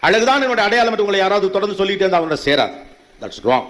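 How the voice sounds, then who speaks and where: A man delivers a motivational talk to a live audience at a rapid clip. His voice sits high, and he hammers home his points with rhetorical questions and repeated phrases. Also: big pitch swings, fairly bright tone. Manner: emphatic, rhetorical questions, punchy repetitions. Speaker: motivational speaker. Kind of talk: public motivational speech to an audience.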